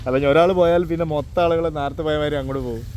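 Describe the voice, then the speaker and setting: Malayali man vlogging in Malayalam-English mix, loud noise. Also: on the high side, fairly even intonation, racing. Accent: Malayalam, Kerala. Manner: Malayalam mixed with English words. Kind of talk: casual ride vlog commentary. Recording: loud outdoor motorcycle and traffic noise. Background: vehicles, motorcycles, outdoor ambience.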